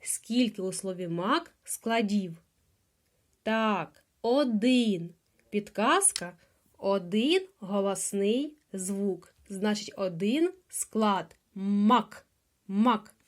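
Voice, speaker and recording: A woman's voice: medium pitch, lively intonation, extremely slow. A woman with a Ukrainian accent teaching small children to hear the sounds in words, drawing out each sound and repeating every word. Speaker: preschool teacher. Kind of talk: slow phonics lesson for small children.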